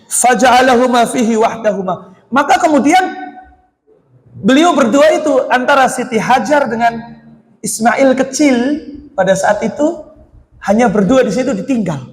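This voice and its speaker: High-voiced Indonesian man teaching in an echoey hall. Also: animated, normal speed, pauses often. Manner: asks the audience questions and answers them himself. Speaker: Islamic teacher. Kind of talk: mosque study lecture.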